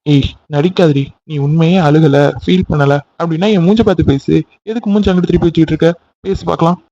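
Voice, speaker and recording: A man's voice: on the high side, fast talker, mellow, dull audio. A man voicing a young man in a cartoon love story, pleading insistently with his angry girlfriend. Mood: arguing. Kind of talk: cartoon voice acting.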